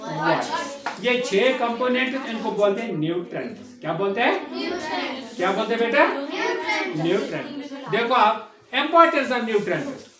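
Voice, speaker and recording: A man's voice: very high-pitched, animated, normal speed, a crowd in the background. A man teaching a school science class, repeating key terms and asking students to call them back. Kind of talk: classroom lecture. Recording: echoey classroom, distant mic.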